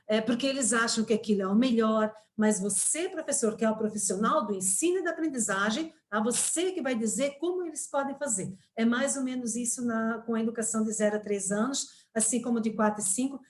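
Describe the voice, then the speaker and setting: A woman's voice: on the high side, fairly quick, few pauses. A Brazilian woman in her fifties giving a webinar lecture as a teacher trainer, explaining at length with frequent tag questions and fillers. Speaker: guest speaker, teacher trainer.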